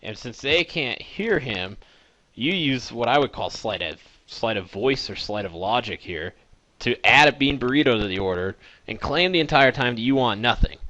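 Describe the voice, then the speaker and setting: Bright-voiced man hosting a podcast. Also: medium pitch, normal speed, dry recording, muffled recording. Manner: animated storyteller, retells friends' antics. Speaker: podcast host. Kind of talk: casual chat.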